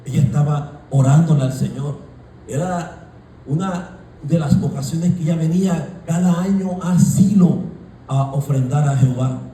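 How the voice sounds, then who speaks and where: A male pastor preaching a sermon, shouting at peaks and dropping into casual asides. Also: fairly high pitch, unhurried, a little hiss or hum. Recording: echoey room, voice from far off.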